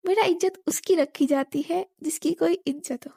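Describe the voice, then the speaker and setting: A woman's voice: extremely high pitch, moderate pace, creaky, dark tone, no room sound, clean studio sound. A woman voicing a bossy elder sister who scolds her younger sister in jest. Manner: scolding, mock-stern. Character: bossy elder sister, sharp-tongued hostess.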